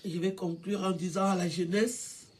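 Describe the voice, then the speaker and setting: An older woman, tearful and halting, repeating herself as she pays tribute on a phone live stream. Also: on the low side, fairly even intonation, darkish tone, slight background noise. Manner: halting, repetitive, stammering. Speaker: livestreamer paying tribute.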